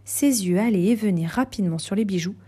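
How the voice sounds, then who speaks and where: Soft, breathy woman reading a novel. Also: mid-range voice, a little fast. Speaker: narrator.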